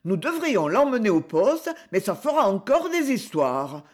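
A young soldier barking brisk orders, as a woman reader voices him. His voice sits a little higher than the narration and moves with energy. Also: big pitch swings, darkish tone.

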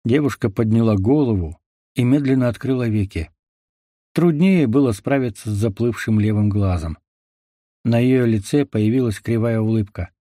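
A male narrator reading a dark action adventure audiobook, steady and measured. His voice sits in an ordinary middle register. The recording is dry and close, with no room sound. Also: medium pitch, no echo.

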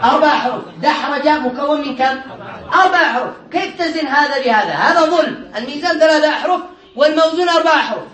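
A man with a high voice teaches grammar in a classroom lesson. He poses questions and supplies the answers himself, repeating key terms slowly and deliberately. His voice rings through a noticeably echoey room. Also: animated, fairly bright tone. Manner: drills students by asking questions and answering them himself.

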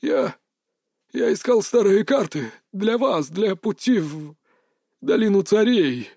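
Man playing a tearful old smuggler, high and strained, dry close audiobook voice. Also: big pitch swings, takes it slowly, gravelly, dark tone, dry recording, exaggerated voice. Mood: shaken. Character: old male smuggler Hassan, frightened, sobbing grandfather.

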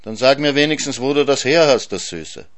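A man's voice: medium pitch, lively intonation, fairly quick, fairly bright tone, voice pushed up, close to an everyday voice. A man reading a storybook, voicing a greedy, gluttonous hyena that whines and moans. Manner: whiny, grasping, moaning.

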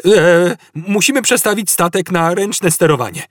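Male narrator playing a brash, boastful space captain; high, jumpy, husky. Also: moderate pace, no echo, clean studio sound.

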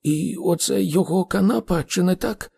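Guy doing a confused rambling fella in a storybook, kinda higher, gravelly. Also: moderate pace, dark tone, heavily acted. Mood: baffled. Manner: puzzled, long-winded, mildly plaintive. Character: bewildered earnest English man, Arthur. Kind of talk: audiobook character voice.

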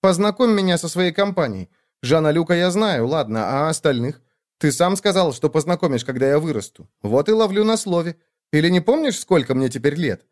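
A man's voice: on the high side, animated, a little fast, pitched above the performer's own voice, natural voice. A man voicing a chatty, fussing little sister. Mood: chatty, coaxing. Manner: talkative, eager and fussing. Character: chatty caring young woman, little sister.

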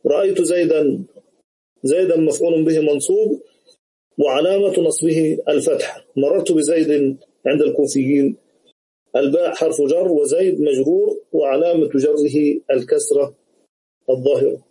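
A man teaching a grammar lesson over a video call, explaining slowly and repeating key words. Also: fairly high pitch, steady tone, dark tone, poor audio.

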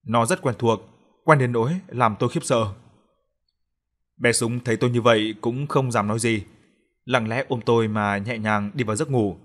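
A man reading a first-person horror story aloud as an audiobook narrator, in a calm, steady way. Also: mid-range voice, normal speed.

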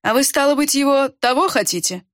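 A woman voicing a sly, easygoing male tracker who speaks in a loud, folksy, offhand way in a storybook reading. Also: high voice, lively intonation, a little fast, dry recording, studio quality, pitched above the performer's own voice.

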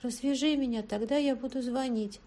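A woman's voice: a little high, measured pace, dark tone, voice pushed up. A woman voicing a captive young woman who speaks in a weak, strained voice. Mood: defiant.

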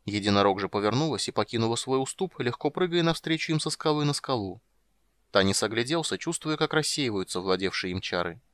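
A man narrating a fantasy audiobook in an even, measured storytelling manner. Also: medium pitch.

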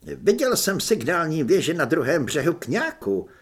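A man voicing a keen, clever young soldier in an audiobook, explaining his ideas eagerly and quickly. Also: on the high side, big pitch swings, husky, exaggerated voice. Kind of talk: audiobook character voice.

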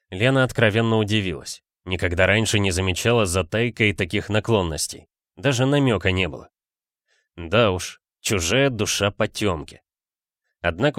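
Low-voiced man narrating an audiobook. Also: dry recording, studio quality. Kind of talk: scripted narration.

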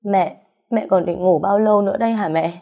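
A woman's voice: mid-range voice, a little fast, creaky, dark tone. A woman voicing an anxious, loving young daughter who talks in a pleading, emotional way. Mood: tender.

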